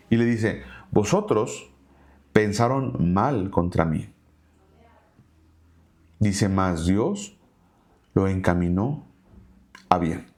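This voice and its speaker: A man's voice: on the low side, a little mellow. A man teaching a Bible study, reading verses aloud and then retelling them in casual everyday words. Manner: reads scripture aloud then paraphrases it conversationally.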